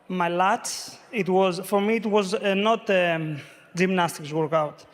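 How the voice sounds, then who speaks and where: A male athlete, not a native English speaker, giving a halting, simply phrased interview after competing. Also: high-pitched. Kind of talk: post-event interview. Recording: reverberant arena hall.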